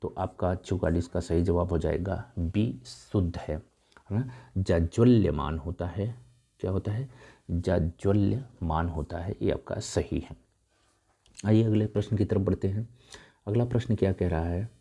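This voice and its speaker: Man, exam tutor, very dark mellow tone, lowish voice, slow option reading, brisk explanations. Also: vocal fry, husky. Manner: reads options slowly, then explains corrections briskly; addresses viewers as dear friends. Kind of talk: exam answer walkthrough.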